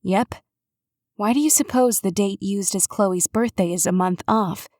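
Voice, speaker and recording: A woman's voice: mid-range voice, a little slow, darkish tone, dry recording, studio quality, close to an everyday voice. A woman voicing an eager young woman sleuth. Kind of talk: audiobook character voice.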